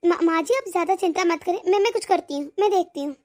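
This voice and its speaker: A woman voicing a gentle, caring young daughter-in-law who speaks politely and soothingly. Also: very high voice, fast, pitched below the performer's own voice. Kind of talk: cartoon voice acting.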